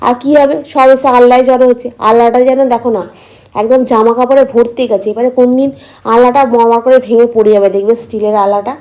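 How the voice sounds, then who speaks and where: A woman's voice: fairly high pitch, fairly even intonation, quick pace, dark tone. A woman chatting casually to her viewers as a vlogger, explaining her daily routine, with a slight cold in her throat.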